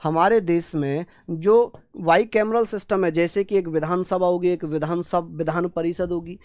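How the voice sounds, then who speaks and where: This online exam coaching lecture is led by a woman whose lowish, darkish voice runs a little slow with fairly even intonation. The studio-quality recording has no room sound. She repeats key terms, blends in English vocabulary, and poses questions to students before answering for them, playing out their responses call-and-response fashion.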